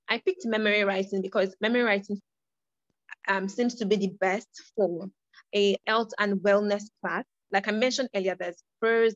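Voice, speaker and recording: A woman's voice: medium pitch, no echo, muffled recording. A young woman leading a creative writing workshop, earnest, often repeating and restarting her phrases. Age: young adult.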